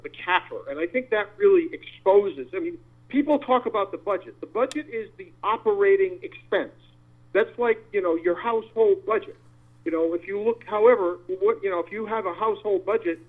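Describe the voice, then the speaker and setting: A man calling in to a talk show, his voice coming through as a tinny phone line, explaining in a rambling, folksy way. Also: high voice. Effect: tinny phone line sound. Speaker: caller.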